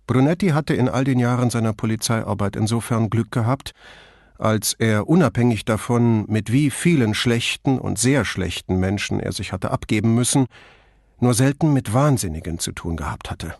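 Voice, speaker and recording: A man's voice: fairly low pitch, normal speed, a little mellow, no room sound. Man narrating an audiobook, dry sound.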